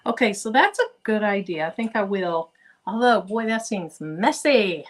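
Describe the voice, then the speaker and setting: A woman's voice: mid-range voice, expressive, normal speed. A woman talking casually over a video call while she works on a craft project, thinking aloud as she goes. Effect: heard over a video call. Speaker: guest crafter. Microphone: computer microphone on a video call.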